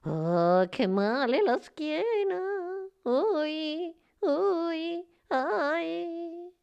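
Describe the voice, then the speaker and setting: A woman voicing a small male elf with high, theatrical exclamations in a storybook reading. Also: unhurried, clean tone, muffled recording. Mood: groaning. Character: small male elf, old-fashioned and grateful.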